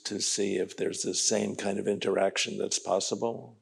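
Old guy in his 80s, gravelly husky voice, wry jokey artist at a panel talk. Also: fairly low pitch, little pitch movement, normal speed. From New York. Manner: wry, joking asides.

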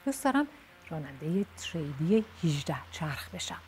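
A woman's voice: sits low, big pitch swings, darkish tone, a little hiss or hum. A woman voicing a blunt, spirited short-haired tomboy girl in a told storybook tale. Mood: lively chatty. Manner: blunt, quick-tempered, then chatty.

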